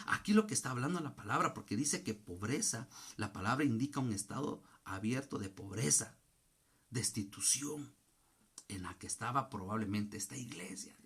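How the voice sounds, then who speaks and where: A man's voice: mid-range voice, gravelly, breathy edge. A middle-aged man preaching a sermon as pastor, telling a story and calling his listeners brother again and again. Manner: calls listeners "hermano" again and again, tells stories.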